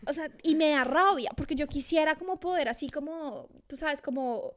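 A woman's voice: high voice, normal speed. A woman in her thirties chatting casually and reflectively, with many restarts. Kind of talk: casual conversation. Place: Australia.

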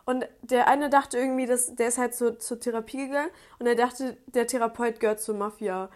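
A woman's voice: a little high, fairly even intonation, a little fast, a little mellow. A young woman in casual chat, retelling things in a chatty, slangy way.

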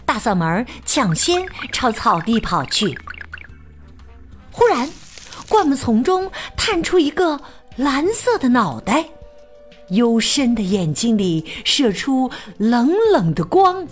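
A woman narrating a children's storybook in an expressive, animated way. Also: fairly high pitch, slow, soft background music.

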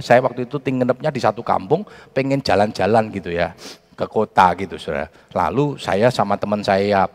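A man with a Javanese accent preaching a sermon as pastor, telling animated stories and acting out what people said. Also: on the low side. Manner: animated storytelling, acting out quotes. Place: church. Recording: church hall reverb.

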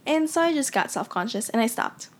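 There's slight background noise as this unseen young woman, who grew up in the Philippines, recounts her story in a brisk, expressive, slightly high voice. She's casual and reflective, peppering her speech with frequent "you know"s.

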